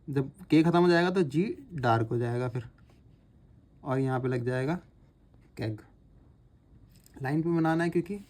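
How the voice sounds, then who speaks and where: A man teaching shorthand step by step, patiently repeating sounds slowly as he writes. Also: fairly high pitch, darkish tone. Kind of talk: explaining step by step while writing.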